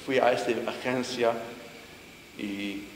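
A middle-aged man preaches a testimony sermon, earnest and halting, with an everyday mid-range pitch. His voice rings through a church hall, trailing a long reverb over a faint background hiss. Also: fairly even intonation. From Jordan. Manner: earnest, halting, searching for words.

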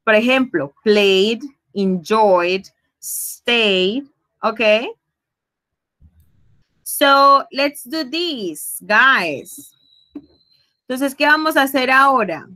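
A woman's voice: fairly high pitch, expressive, sharp tone, poor audio. A woman teaching English grammar to Spanish speakers, explaining patiently, drawing out example words and checking in with frequent tag questions. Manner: switches between Spanish and English; slow, drawn-out example words.

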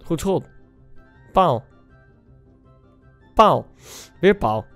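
Incredulous young man reacting, clear voice. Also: on the high side, big pitch swings, faint music behind. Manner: incredulous, teasing, quick exclamations. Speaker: YouTuber. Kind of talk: casual reaction commentary.

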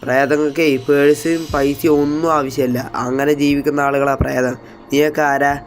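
A man role-playing a gangster in a game, talking to his viewers loudly, dramatically and in a panicky, bossy way. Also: a little high, little pitch movement, normal speed, soft background music. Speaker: gameplay streamer.

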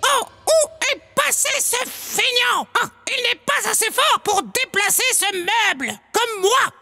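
A woman's voice: very high voice, lively intonation, unhurried, vocal fry, sharp tone, faint music behind, heavily acted. A woman voicing a cheeky, bossy magpie in a children's cartoon, squawky and mocking. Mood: bossy, scornful. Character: cheeky, bossy female magpie, teasing and busy.

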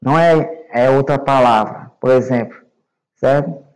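A Brazilian male English teacher giving a recorded online class to young students, explaining slowly and patiently and checking understanding often. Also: medium pitch, darkish tone, rough recording. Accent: Brazilian Portuguese. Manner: repeats words and checks with "né?" and "certo?".

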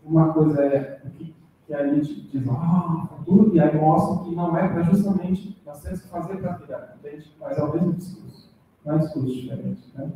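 A man from Rondônia in Brazil giving halting academic feedback in a seminar, full of tag questions and restarts. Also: fairly high pitch, fairly even intonation, dark tone. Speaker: seminar discussant. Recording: echoey room, distant mic, faint noise.

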